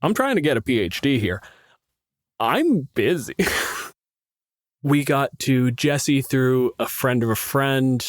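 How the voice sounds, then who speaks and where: A young Canadian man, a podcast co-host and game master, chats casually in a mid-range voice with lively intonation, speaking slowly with long pauses. The recording is dry and studio-clean, and he tells stories full of quoted asides, swearing and poking fun at himself.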